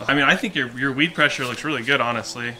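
A man interviewing a farmer he mentored, speaking casually outdoors in a backyard garden and encouraging him with quick affirmations. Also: medium pitch, bright, forceful tone.

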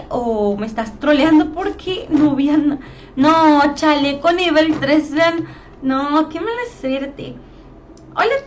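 Greeting her chat by name, this gaming streamer keeps her live-stream commentary chatty and playful. She is a young woman with a Mexican Spanish accent and a very high-pitched voice, recorded with the highs cut off and a bit of background noise.

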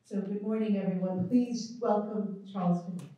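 A woman's voice: mid-range voice, fairly even intonation, moderate pace, heavy background noise. Woman reading a formal introduction in a hall. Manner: formal, reads a prepared introduction. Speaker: event host introducing the speaker. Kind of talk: scripted introduction speech. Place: college auditorium. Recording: echoey hall, voice from far off.

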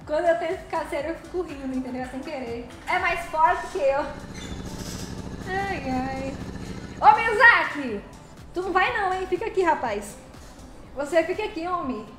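A woman's voice: very high-pitched, moderate pace, music in the background. A woman, chatting casually with her viewers as a live streamer while gaming, giggling and unable to stay serious. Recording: roomy echo, loud vehicle game noise.

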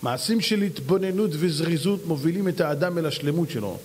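A man's voice: expressive, darkish tone, slightly rough. A man preaching as a rabbi, emphatic and full of rhetorical questions. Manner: emphatic, mimics others in high voices, rhetorical questions. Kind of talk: sermon. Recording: long hall reverb.

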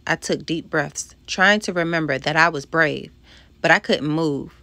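A woman's voice: deep voice, unhurried, sharp tone, no room sound. A woman narrating a first-person storybook, reading expressively and voicing the dialogue. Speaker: audiobook narrator.

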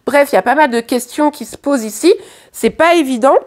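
A tarot reader with a French accent sits at her table at home, reading cards to the camera in a high, faintly hoarse voice. Her talk is loose and hesitant, full of fillers and restarted thoughts.

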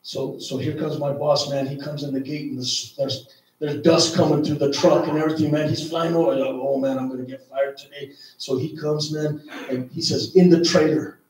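A man preaching a sermon, telling a personal story in a loose, conversational way full of "man" and "you know", sometimes shouting. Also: fairly high pitch, level tone, normal speed. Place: church hall. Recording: echoey church hall, distant mic.

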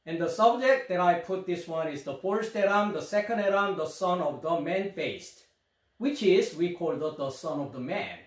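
A man's voice: high voice, animated, normal speed, roomy sound. A middle-aged man from South Korea with a Korean accent, giving a Bible study lecture to camera and posing rhetorical questions. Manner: rhetorical questions, gestures while explaining. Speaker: Bible teacher. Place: small indoor room before a screen.

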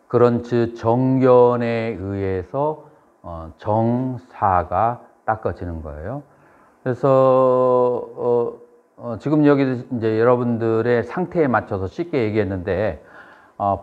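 Monk lecturing with lively, rising-and-falling pitch. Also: male voice. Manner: asks students questions, then answers them himself; measured delivery with frequent pauses and "eo" fillers. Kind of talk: classroom lecture. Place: classroom at a temple seminary. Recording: dull lo-fi lecture recording.

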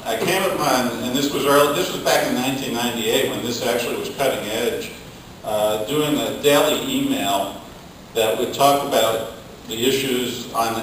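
A middle-aged labor union communicator, sitting on a conference panel, answers in a measured, halting way with a medium-pitched, slightly bright voice. A distant camera in the audience of a hotel ballroom captures him, so the sound is far off, very echoey and faintly noisy.

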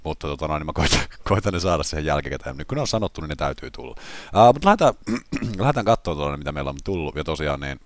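A man with a hoarse, sick voice, hosting a casual gaming vlog and chatting in a self-mocking way with lots of filler words. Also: rumbling low, lively intonation, no echo. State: hoarse from illness. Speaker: gaming channel host.

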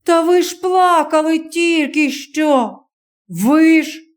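A woman's voice: high voice, slow, pitched above the performer's own voice. Woman voicing a desperate young male student. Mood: pleading. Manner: anguished, pleading, breaking into shouts.

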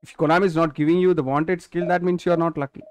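Talking fast in a fairly high, darkish voice with fairly even intonation, this nineteen-year-old streamer with an Indian English accent plays a football game and reads his viewers' messages out loud. He's chatty and answers chat questions head-on, with slight background noise present.

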